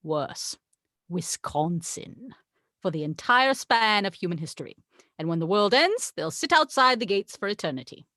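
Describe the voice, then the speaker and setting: At a script table read, a woman voices a haughty, sarcastic, tequila-loving angel who is the voice of God, sounding wry, exasperated, and condescending yet grave and insistent. Her medium-pitched voice is sharp, with big pitch swings and normal speed. The recording is dry, clean studio sound.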